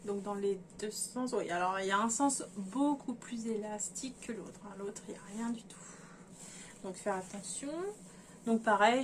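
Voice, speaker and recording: Her voice on the high side, a sewing vlogger casually runs through fabrics while speaking straight to her viewers, full of fillers and hesitations as she thinks aloud. The recording has slight background noise.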